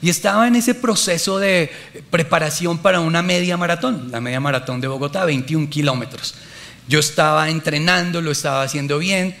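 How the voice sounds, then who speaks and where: A man's voice: on the high side, a little fast, gravelly, fairly bright tone. A man preaching a sermon, telling a personal story with animation and speaking directly to the congregation.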